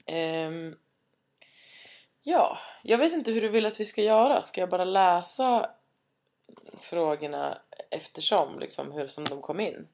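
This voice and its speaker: A young woman, co-hosting a casual podcast chat, hesitant and self-mocking, quick to laugh. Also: lowish voice, expressive, darkish tone. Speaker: podcast co-host.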